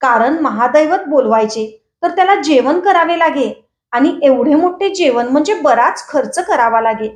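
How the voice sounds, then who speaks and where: A woman reads a novel aloud in a fairly high voice, telling the story at a steady, measured pace. Her voice rings around an echoey room. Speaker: audiobook reader.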